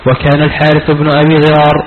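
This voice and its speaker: A man reads a religious text at a fast clip in a monotone, barely moving his pitch. His voice sits a little high and comes through a thin phone-like line with light hiss. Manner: flat, quick reading. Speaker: student reading the text aloud. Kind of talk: reading a book aloud in a lesson. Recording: tinny phone-like recording with faint hiss.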